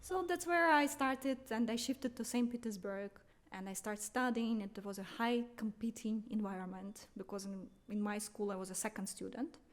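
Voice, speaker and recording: Speaking at a moderate pace with few pauses and fairly even intonation, this medium-pitched woman is a Russian podcast guest from Siberia in her thirties who works in marketing. Her accented English is earnest and emphatic, punctuated by light laughter, in a conversational interview.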